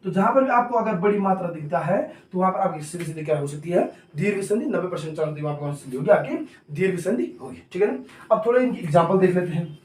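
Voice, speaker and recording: With a high, darkish voice, a male coaching teacher speeds through a classroom grammar lesson, using repetitive call-and-answer questions he resolves himself and mentioning his hurried talking. The mic is distant, the room echoes, and there's a little hiss or hum.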